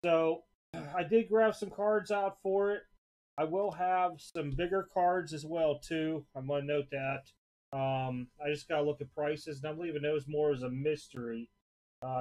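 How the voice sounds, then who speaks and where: A man's voice: fairly high pitch, darkish tone. A young adult man hosting a casual live stream, offhandedly listing sports cards for an upcoming auction while handling them at his desk. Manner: offhand, rattles off card names in quick lists. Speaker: card shop host previewing auction items. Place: indoor desk with card displays, off camera.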